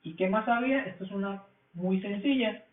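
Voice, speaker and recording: In a recorded English grammar lesson, a man with a Mexican Spanish accent and a fairly high voice for a man explains things slowly, repeating each point many times. The audio is thin and phone-like, with a roomy echo.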